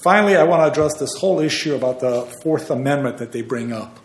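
A man's voice: mid-range voice, animated, fast. Emphatic male attorney in an echoey courtroom. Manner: earnest, emphatic legal argument. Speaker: appellate attorney. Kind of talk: oral argument before a court.

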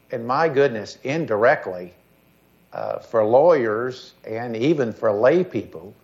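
Male judge questioning, dull call audio. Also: mid-range voice. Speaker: appellate judge. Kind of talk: questioning from the bench.

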